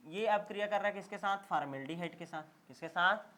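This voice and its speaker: Casting note: male chemistry teacher, slightly high voice, repetitive call-and-response drilling. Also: fast talker, bright, forceful tone. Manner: call-and-response drilling, repeats questions and answers; emphatic, checks understanding often. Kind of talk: classroom lecture.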